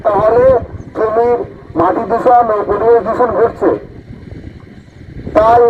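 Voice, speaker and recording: Man announcing over a tinny loudspeaker PA. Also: extremely high pitch. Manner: formal, repetitive, monotone. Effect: loudspeaker PA system. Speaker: police announcer. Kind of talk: public warning announcement. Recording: tinny loudspeaker with faint noise.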